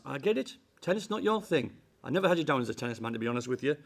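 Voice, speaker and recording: A man's voice: mid-range voice, big pitch swings, very fast, vocal fry. An actor playing a boss trying to bribe his team back into trusting him. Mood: wheedling. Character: blustering male boss bribing his team. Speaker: team manager.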